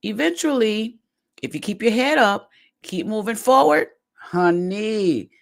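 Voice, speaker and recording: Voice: medium pitch, lively intonation, measured pace, gravelly. Chatty host stumbling through a reading. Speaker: podcast host. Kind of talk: casual commentary, reading aloud from a web page.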